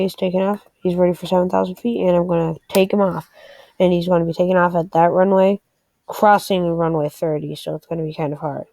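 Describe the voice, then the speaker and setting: A lowish, creaky, mellow-voiced woman presents a casual screen-recorded game walkthrough, explaining as she thinks aloud and hesitating slightly. The recording is dry and rough.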